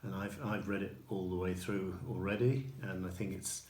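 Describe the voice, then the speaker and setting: A man reviewing his purchases in a casual video, unhurried and dotted with ums and restarts. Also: low voice, steady tone, darkish tone. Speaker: record collector showing purchases. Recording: echoey room with faint noise.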